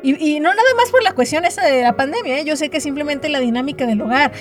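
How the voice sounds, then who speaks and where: A woman's voice: high-pitched, expressive, fast talker, faint music behind. A middle-aged woman preaching a devotional sermon, earnest and emphatic, often repeating words as she builds a point.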